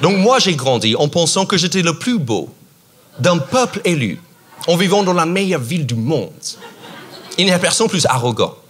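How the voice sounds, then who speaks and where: A man from New York doing a stand-up comedy set in French with an American accent, animated and mock-outraged, with sudden shouts and sing-song asides. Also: on the high side, normal speed, breathy edge. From New York, USA. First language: English. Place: theater stage.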